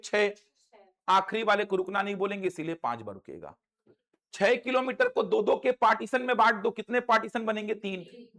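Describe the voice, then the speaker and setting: A man with a high voice and a Chhattisgarhi Hindi accent leads a maths lesson in a classroom. He keeps asking the class questions and goes back over each step. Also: a bit bright. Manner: questioning students, repeating steps. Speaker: maths teacher. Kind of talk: classroom lecture.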